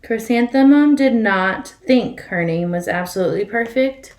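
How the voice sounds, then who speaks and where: A woman's voice: a little high, lively intonation, normal speed, a little mellow. A woman reading a children's picture book aloud expressively as a storyteller, putting questions to her listeners. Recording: echoey room.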